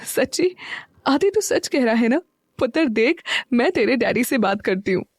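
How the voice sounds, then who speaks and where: A woman voicing a doting, excitable middle-aged mother on a phone call in an audio story, eager and questioning. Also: on the high side, measured pace, no room sound, studio quality. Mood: excited. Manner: warm, eager, rising questions.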